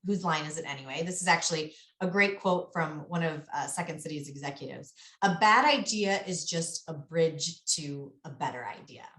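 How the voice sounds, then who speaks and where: A woman business coach giving a live presentation to a networking group, energetic and emphatic, acting out the voices she quotes. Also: on the low side, echoey room. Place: meeting room.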